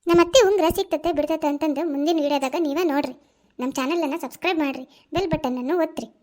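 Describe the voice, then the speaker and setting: Give me a woman with a North Karnataka accent doing a friendly, quick channel outro. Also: high-pitched, darkish tone. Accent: North Karnataka Kannada. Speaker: channel narrator.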